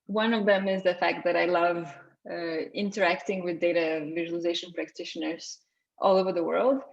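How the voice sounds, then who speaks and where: A woman's voice: lowish voice, steady tone, normal speed, vocal fry. A young woman from Lithuania giving a conversational talk at an online meetup, often restarting her sentences. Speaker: guest speaker. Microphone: video call. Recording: slightly dull video call audio.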